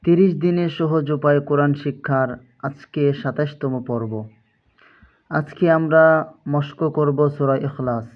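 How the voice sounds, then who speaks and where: A man teaching Quran recitation, spelling out letters and vowel marks, then chanting each verse slowly. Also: on the high side, steady tone. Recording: tinny phone-like audio.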